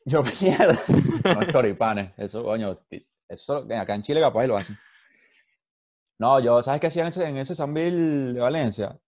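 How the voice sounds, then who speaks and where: A man's voice: mid-range voice, moderate pace. Venezuelan man, dull lo-fi sound. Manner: relaxed, joking anecdotes. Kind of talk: casual chat.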